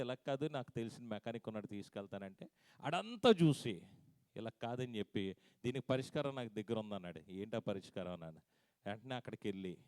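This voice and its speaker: Animated man preaching a sermon. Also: medium pitch, no echo. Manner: swings between loud emphatic scripture lines and quiet asides; addresses listeners directly with questions. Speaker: pastor.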